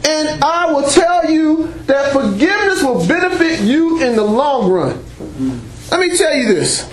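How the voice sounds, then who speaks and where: Teaching scripture sermon-style without amplification, this man's voice is extremely high, his intonation lively and his pace measured. He speaks loudly and forcefully before the congregation in a church meeting room, calling out praise and amen, while a room mic records the echo.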